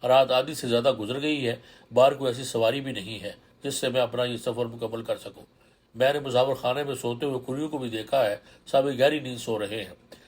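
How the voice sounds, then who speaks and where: A man's voice: mid-range voice, steady tone, slightly rough, lightly acted. A man voicing a polite, pleading young woman in a burqa who arrives at night in a horror story.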